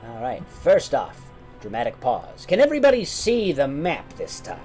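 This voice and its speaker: A man narrating a tabletop game as game master in a measured, descriptive way. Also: on the high side, wildly swooping pitch, darkish tone, soft background music.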